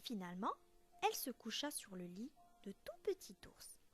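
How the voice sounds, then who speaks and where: A woman teacher reading a children's story aloud in a slow, expressive storytelling voice. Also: a little high, slightly rough, soft background music.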